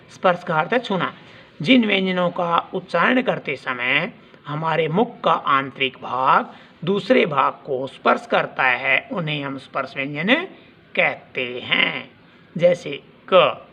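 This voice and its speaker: Slow-speaking male teacher dictating grammar. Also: fairly high pitch, sharp tone. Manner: slow, dictating definitions and repeating questions to the class. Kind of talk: grammar lesson.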